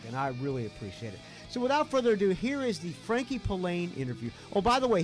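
A man with a Southern US accent hosting a rock podcast, talking in an enthusiastic, rambling way. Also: a little high. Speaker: podcast host. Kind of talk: casual podcast intro and interview. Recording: rock music playing underneath. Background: rock music.

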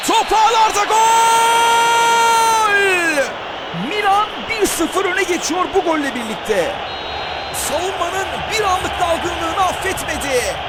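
A man voicing an excitable football match commentator, screaming out play-by-play for a video game. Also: extremely high pitch, exaggerated voice. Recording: loud stadium crowd noise over voice. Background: football stadium crowd.

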